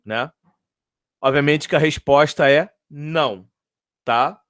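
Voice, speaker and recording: A man's voice: a little high, takes it slowly, a bit bright. Patient Brazilian male math teacher. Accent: Brazilian Portuguese. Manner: patient, repeats points and checks in often with "ok?" and "tá?". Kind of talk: explaining a math lesson to students.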